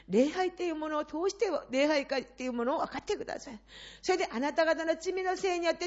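A middle-aged woman preacher giving an impassioned sermon to a congregation, swinging between hushed and loud passages. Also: sits high. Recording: slightly dull lo-fi sound.

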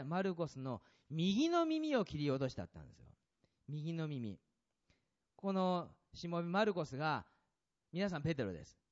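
A man preaching a sermon as a pastor, asking the congregation questions and swinging between loud and soft passages. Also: fairly high pitch, highs cut off.

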